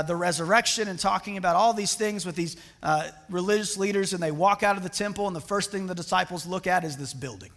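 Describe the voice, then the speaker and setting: A man's voice: sits high, fairly bright tone. A man preaching a sermon in a casual, conversational way, often restarting his sentences with fillers. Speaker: pastor. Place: church sanctuary. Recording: reverberant church hall.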